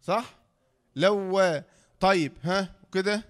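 A man with an Egyptian accent teaching a tajweed lesson, who asks the class questions, answers them himself, and slowly draws out the example sounds. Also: sits high. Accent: Egyptian Arabic. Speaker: Quran recitation teacher.

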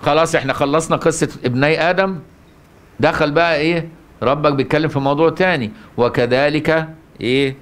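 A man's voice: a little high, steady tone, brisk, a bit bright, smooth. A man with an Egyptian Arabic accent giving a religious lesson on the Quran, often asking rhetorical questions and answering them himself. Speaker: Quran teacher.

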